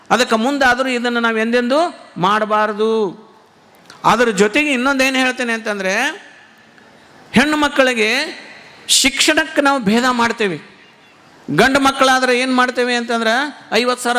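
A man's voice: very high voice, bright, forceful tone. A man with a North Karnataka Kannada accent preaching a sermon, repeating rhetorical questions to drive his point home. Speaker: religious teacher giving a discourse. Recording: long hall reverb.

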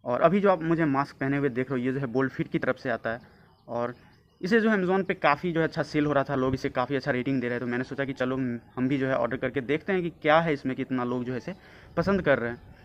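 A man's voice: mid-range voice, fast. A man speaking through a face mask, casually reviewing a product on his video channel with lots of filler words. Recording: dull, muffled lo-fi sound.

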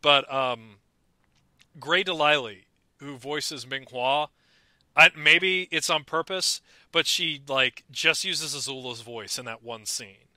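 Bright-voiced excitable young man. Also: on the high side, no room sound. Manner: excitable, quick to do mock voices. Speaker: podcast co-host. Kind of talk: casual chat about a cartoon.

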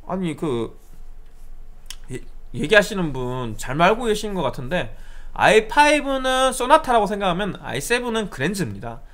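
Young man, casual storytelling, lively swinging pitch, slightly high voice, acts out dialogue. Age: young adult. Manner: animated, acts out both sides of the dialogue. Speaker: YouTuber telling a personal anecdote.

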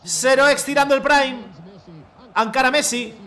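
A young man, commentating his own football video game match in the style of a TV commentator and bursting into long shouted goal calls. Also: very high voice, fairly even intonation, a little slow. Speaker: gaming youtuber playing a football career mode. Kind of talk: excited self-commentary while gaming.

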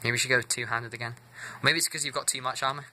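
A man's voice: medium pitch, steady tone, quick pace, bright, forceful tone. Young man, casual game commentary, teasing, slangy, noisy indoor handheld recording. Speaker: friend filming and commenting on gameplay. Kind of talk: casual gaming chat. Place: small indoor room. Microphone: handheld phone or camera, held by speaker.

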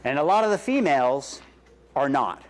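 At medium pitch and normal speed, a middle-aged man gives schoolchildren an excited science talk, taking their questions and mixing English with Spanish phrases. He walks and gestures before a crowd of kids in a big cafeteria, wearing a wireless headset or lapel mic. The recording is distant and echoing, with children noisy in the background.

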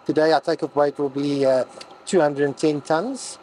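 A man's voice: on the high side, steady tone, moderate pace, dark tone, a little hiss or hum, rough recording. A man walking through a cockpit setup as a pilot instructor, reading out each setting step by step in a cockpit. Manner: methodical, reads out settings step by step. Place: aircraft cockpit.

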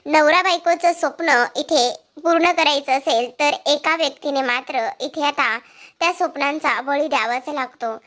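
A woman voicing a young husband who calmly reassures his wife. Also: high-pitched. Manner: soft, reassuring.

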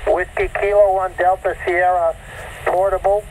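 A man heard over a ham radio, relaying for a net with formal radio procedure. He speaks in a measured, patient way and asks callers to repeat and spell. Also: sits high, little pitch movement, a little hiss or hum, poor audio.

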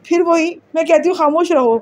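A woman voicing a proud, touchy young girl in an audiobook, quick to take offense. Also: extremely high pitch, a little mellow. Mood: indignant. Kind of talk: audiobook character reading.

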